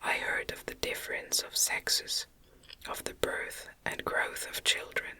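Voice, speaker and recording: A woman whispers her way through a gothic novel as an ASMR reader, speaking gently and deliberately with soft articulation.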